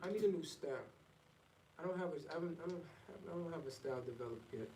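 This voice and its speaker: A man's voice: a little high, animated, fast talker, warm tone, soft background music. A man chatting casually and candidly to himself in a loose, rambling, slangy way, like a vlogger. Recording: distant mic in echoey, noisy room.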